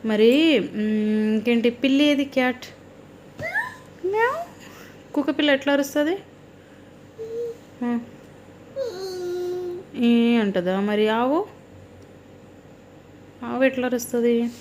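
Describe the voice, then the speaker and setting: A woman's voice: a little high, takes it slowly, pauses often, a little mellow, a little hiss or hum. A young mother, playfully coaxing and teasing her toddler at home at night in sing-song baby talk.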